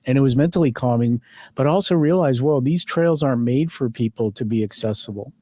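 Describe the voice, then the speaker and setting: A man's voice: mid-range voice, a little fast, dark tone, no room sound, studio quality. Friendly rambling male podcast host. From Canada. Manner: friendly, rambling, laughs easily. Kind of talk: conversational interview. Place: studio.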